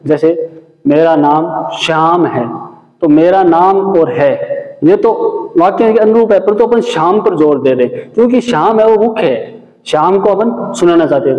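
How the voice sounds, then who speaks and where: A man teaching a class, explaining step by step and often repeating points and checking in with "okay". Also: fairly high pitch. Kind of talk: classroom lecture. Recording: echoey hall, dull lo-fi sound.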